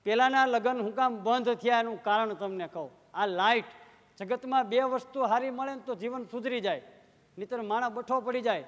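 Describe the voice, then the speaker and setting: This live dayro performance features a folk humorist telling comic tales in a large hall, animatedly acting out the dialogue. He speaks at a moderate pace in a very high-pitched voice.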